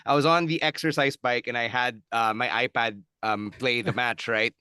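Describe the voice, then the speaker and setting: A man telling an animated story on a podcast, mixing in Tagalog. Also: mid-range voice, normal speed, clean tone, dry recording. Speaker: podcast co-host. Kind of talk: casual podcast chat.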